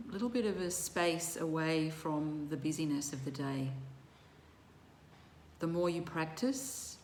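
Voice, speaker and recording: A female yoga nidra teacher leads guided relaxation in a lowish, slightly mellow voice, very unhurried and soothing. She speaks short, measured phrases separated by long pauses, recorded in an echoey room with faint background noise.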